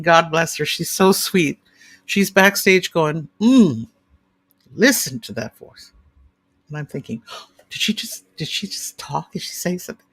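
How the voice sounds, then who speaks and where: Animated older woman telling stories. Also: sits low. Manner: animated, gushing anecdotes with vivid imagery. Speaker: interview guest, opera singer. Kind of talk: casual storytelling chat.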